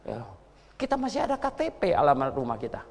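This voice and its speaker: Man, preacher, sermon, high gravelly voice, emphatic, repeats phrases, long church-hall reverb. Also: huge pitch swings, fast. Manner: emphatic, swings from low asides to loud exclamations; repeats phrases for emphasis and addresses the congregation directly. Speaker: pastor.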